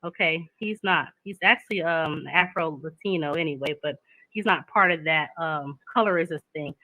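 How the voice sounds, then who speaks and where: Woman in her 30s, chatting casual, laughs a lot, sharp bright voice. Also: low voice, normal speed, no echo, rough recording. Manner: candid and chatty, laughs often. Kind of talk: casual chat.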